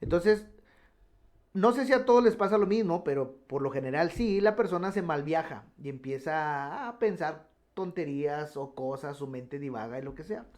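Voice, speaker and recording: A man's voice: on the high side, animated, moderate pace, darkish tone. A man telling his personal testimony on a radio program, earnest and full of restarts. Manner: earnest storytelling with many restarts. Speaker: guest giving testimony.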